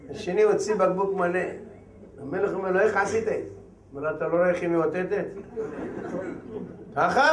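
Guy telling a funny folk story, high voice, does all the characters, kinda far off the mic in an echoey room. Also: a little hiss or hum. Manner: acts out characters in quick high voices, laughing along. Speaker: joke teller. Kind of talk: telling a long comic folk tale. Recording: roomy, from off-mic, faint ambience.

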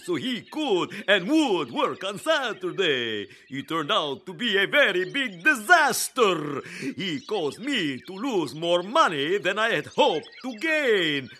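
A pompous, wheedling squire who owns a mill, as a man puts him on. His voice is bright and high, swinging up and down as he talks slowly. Soft music plays underneath. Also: exaggerated voice. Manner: bossy, then wheedling and apologetic.

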